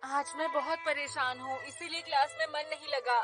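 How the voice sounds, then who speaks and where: A lazy schoolboy from a cartoon, acted by a woman whines in a very high voice. He wails dramatically at every setback and begs his friend for help. Background music plays throughout. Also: fairly even intonation, normal speed, lightly acted. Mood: whiny. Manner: whining, dramatic wailing. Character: lazy, whiny schoolboy, easily crying. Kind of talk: Hindi cartoon dub.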